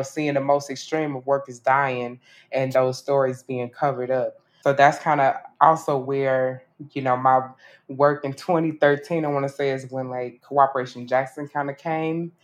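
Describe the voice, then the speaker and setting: A man looks back on his organizing work in a casual way, filling his pauses often. His pitch barely moves, so his speech sounds flat and even. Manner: casual, with many fillers. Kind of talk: casual recollection.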